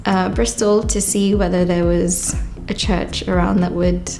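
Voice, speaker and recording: A young Kenyan woman, a church member, gives a personal testimony about her faith in a soft, lowish, gravelly voice. She's reflective and unhurried, pausing often, and her pitch stays fairly even. Faint music plays underneath.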